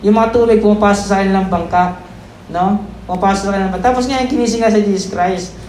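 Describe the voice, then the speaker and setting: A preacher talks through a Sunday message in a relaxed, conversational way, ending nearly every phrase with a little check-in question to the listeners. They stumble now and then, correct themselves and laugh it off. The voice rings through a reverberant room over a faint hum of background noise. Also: mid-range voice, fast talker. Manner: stumbles, self-corrects and laughs at own slips; mixes English words into the talk.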